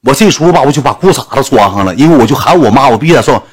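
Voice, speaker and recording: A man's voice: medium pitch, animated, racing. A man with a Northeastern Mandarin accent, a livestreamer telling a crude comic story full of sound effects.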